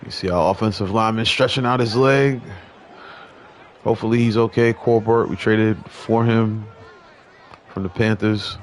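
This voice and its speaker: A young man giving relaxed, conversational play-by-play commentary over a football video game. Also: on the low side, normal speed, pauses often, a little hiss or hum. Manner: relaxed, conversational, mild restarts. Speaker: gaming commentator.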